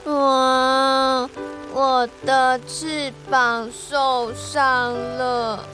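A woman voicing small baby penguins who wail and sob slowly. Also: sits high, little pitch movement, music in the background, pitched above the performer's own voice. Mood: tearful. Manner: wailing, sobbing slowly.

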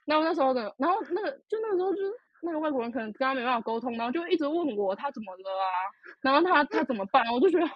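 A young woman, telling a story in casual podcast chat, animated and full of fillers. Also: high voice, racing, hardly any pauses, dry recording. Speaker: podcast co-host. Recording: dull lo-fi podcast audio.

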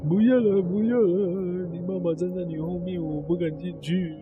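A man's voice: high voice, steady tone, normal speed, phone-quality sound, music in the background, voice pushed up, natural voice. A man voicing a sobbing, frightened middle-aged uncle begging forgiveness in a ghost story, tearful and pleading. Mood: fearful, tearful.

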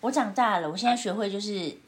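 A woman, hosting a podcast and telling a story in a casual, animated way, often laughing. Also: fast talker, slight background noise. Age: 30s. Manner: animated, laughing, acts out her own past lines in a high voice. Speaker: podcast host. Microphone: home remote recording.

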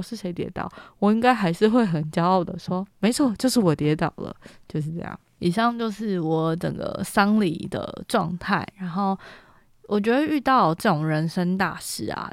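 A woman's voice: fairly low pitch, a little mellow, no echo, clean studio sound. A young woman from Taiwan hosting a podcast, telling a story in a chatty, casual way and stringing clauses together with fillers. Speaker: podcast host.

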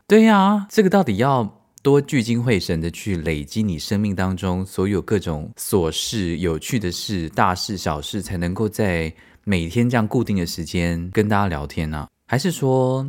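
Low-voiced Taiwanese man chatting casually. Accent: Taiwanese Mandarin. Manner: chatty, expressive, giggly. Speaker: podcast host. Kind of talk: casual solo chat.

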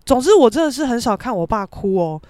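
A young woman with a Taiwanese Mandarin accent hosts a casual storytelling podcast, swinging from mumbles to exclamations and cursing casually. Her voice sits a little high. The sound is close and very dry. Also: fast, no room sound. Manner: animated, swearing, self-mocking. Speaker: podcast host.

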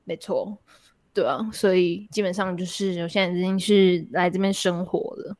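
A woman's voice: on the low side, normal speed, no echo, clean studio sound. A young woman with a Taiwanese Mandarin accent, hosting a podcast and telling a story in casual chat full of fillers and laughs. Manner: animated, laughs mid-story, lots of fillers. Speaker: podcast host.

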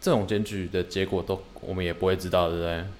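A woman co-hosting a podcast, chatting casually and reacting with quick exclamations and follow-up questions. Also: very deep voice, steady tone, a little mellow, a little hiss or hum. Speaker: podcast co-host. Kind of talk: casual chat.

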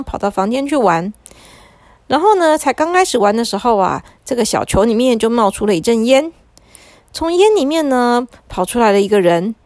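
A woman telling a children's bedtime story, quick and fairly flat, with a slightly preachy tone. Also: on the high side, dry recording.

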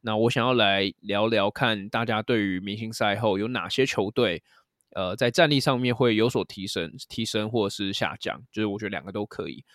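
A man's voice: fairly low pitch, brisk, fairly bright tone, no echo, clean studio sound. A man hosting a casual podcast chat, steering the talk and handing questions to his co-hosts. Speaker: podcast host.

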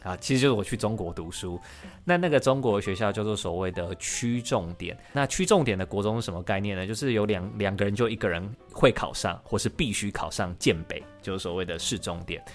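A man, a podcast host who tells his own story as the guest in an animated way. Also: on the low side, fairly quick, soft background music. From Taiwan. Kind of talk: podcast interview.

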